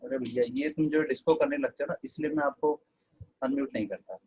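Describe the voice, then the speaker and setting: A man's voice: mid-range voice, fairly quick, noisy background. A man with an Indian accent teaching an online English class, chatty and scolding students fondly.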